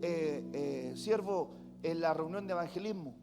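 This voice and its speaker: A man preaching a sermon in a Chilean Spanish accent, his voice pitched high for a man. He drives points home through emphatic repetition. The sound carries a long reverb from the church hall, with soft music underneath. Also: a little slow. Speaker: pastor.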